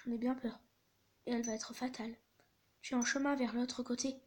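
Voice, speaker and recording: A woman reading the lines of a gentle, ominous male train conductor in a spooky text-message story, calm and soft-spoken. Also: on the high side, fairly quick, slight background noise, lightly acted. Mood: gently grave.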